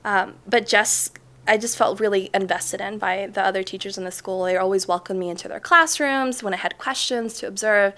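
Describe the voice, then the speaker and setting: A woman's voice: mid-range voice, fairly quick, pushed and bright. A woman in her twenties, originally from Chile, who is a teacher answering interview questions in a school library, speaking thoughtfully with frequent ums. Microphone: off-camera mic, seated interview framing.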